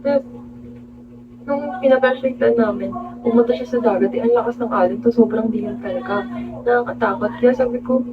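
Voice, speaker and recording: Woman streamer, chatty animated storyteller, phone-like sound with a steady hum. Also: fairly high pitch, a little fast. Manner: animated storytelling, greets viewers mid-story. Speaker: livestream host. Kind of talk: casual storytelling livestream. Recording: tinny phone-like audio with hum.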